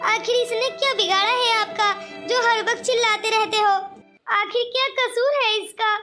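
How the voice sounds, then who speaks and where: A protective middle-aged cartoon mother-in-law, standing up for her son's bride. Her voice is very high and bright, with an exasperated, questioning tone. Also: fairly even intonation, moderate pace, soft background music. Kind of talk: cartoon voice acting.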